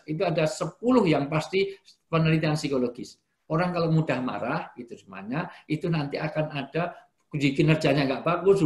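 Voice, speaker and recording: A man preaching a sermon in an animated way, moving between loud and soft delivery. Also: a little high. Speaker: Islamic preacher. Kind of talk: sermon for an online gathering. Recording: roomy echo.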